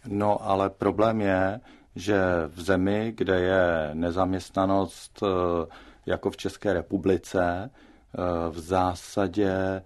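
A man with a fairly low voice argues his case in a studio debate. He talks in measured, deliberate sentences, pausing with hesitations as he builds his argument. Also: flat delivery.

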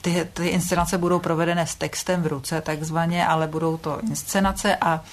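A woman speaking as a theatre guest on a radio talk show, measured and hesitant. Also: fairly low pitch, flat delivery. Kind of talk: radio studio chat.

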